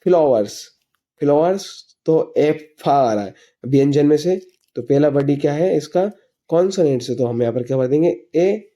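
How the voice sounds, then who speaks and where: A man, teaching an English grammar lesson slowly and patiently, asking himself questions and answering them. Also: a little high, animated, warm tone. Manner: asks and answers his own questions while teaching; slow, patient explanations. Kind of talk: classroom lesson explaining grammar.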